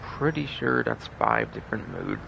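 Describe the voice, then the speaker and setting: A man livestreams casual, rambling commentary on a game, repeating the same stock phrases again and again over a noisy recording. His mid-range voice is gravelly, pushed and bright, swinging hugely in pitch at a normal pace.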